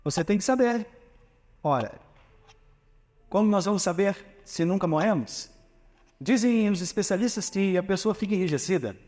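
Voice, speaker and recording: A man's voice: high voice, lively intonation, normal speed, long pauses, darkish tone. A Brazilian pastor preaching a sermon with emphasis, asking his congregation rhetorical questions. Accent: Brazilian Portuguese. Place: church sanctuary. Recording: long reverb of a church hall.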